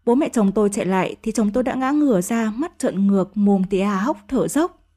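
Warm-voiced woman narrating a story. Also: mid-range voice, lively intonation, a little fast. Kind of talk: first-person scripted story narration.

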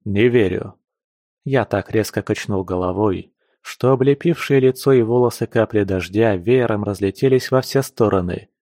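A man narrating an audiobook with a steady, measured reading. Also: on the low side, no echo, studio quality.

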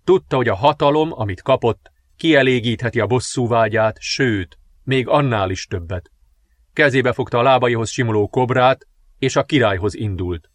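A man narrating a dark fantasy audiobook with measured, dramatic storytelling. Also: mid-range voice, no echo.

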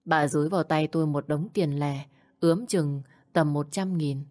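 A woman's voice: low-pitched, fairly even intonation, moderate pace, a little mellow. A woman narrating a first-person audio story in a plain, sorrowful way.

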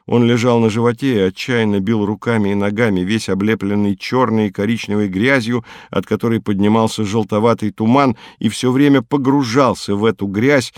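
Low-voiced male audiobook narrator. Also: steady tone, a little fast, hardly any pauses, no echo, studio quality. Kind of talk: scripted narration.

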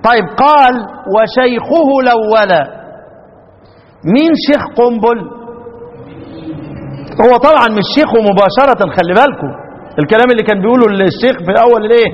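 An Egyptian sheikh lectures his students on recitation, quizzing them and chanting verse lines slowly. His voice sits very high for a man. The sound rings with a long hall reverb. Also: muffled recording. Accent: Egyptian Arabic. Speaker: Quran recitation teacher. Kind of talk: classroom lecture.

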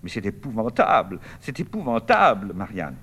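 A man's voice: on the low side, wildly swooping pitch, moderate pace, fairly bright tone, breathy edge, full character voice. A man reading a play aloud, voicing a fragile young woman who is tearful, lovesick and pleading. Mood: despairing.

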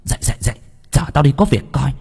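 Cruel old gangster woman, screeching, high-pitched, loud, man voicing her, storybook villain. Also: big pitch swings, moderate pace, breathy edge, full character voice. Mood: furious. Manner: screeching, scolding. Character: cruel old female ex-gangster, shrill and bossy.

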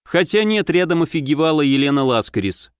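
A man's voice: on the high side, animated, a little fast, clean tone, no room sound. Dry, close male audiobook narrator. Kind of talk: first-person fantasy audiobook narration.

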